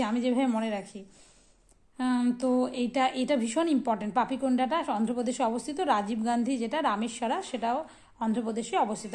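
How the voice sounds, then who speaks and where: A young woman teaching a casual exam-prep lesson. She poses questions and answers them herself, and tosses in memory tricks. Her voice sits fairly high. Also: darkish tone. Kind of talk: informal geography lesson over a map.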